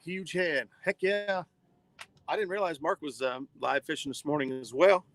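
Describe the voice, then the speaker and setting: A man's voice: fairly high pitch, moderate pace, no echo, low-quality recording. A man in his forties hosting a fishing livestream from a boat, chatting casually and reading viewer comments. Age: 40s.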